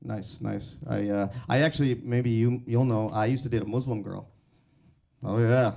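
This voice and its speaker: A man's voice: medium pitch, steady tone, gravelly, warm tone. A young man from India doing stand-up comedy and teasing the crowd on a club stage with a handheld mic. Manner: brash, teasing, quick crowd banter. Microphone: handheld microphone.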